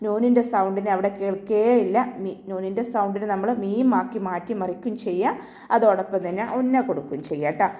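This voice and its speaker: A woman teaching Quran recitation in an online class, explaining each sound step by step with gentle reminders. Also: mid-range voice. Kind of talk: online tajweed lesson.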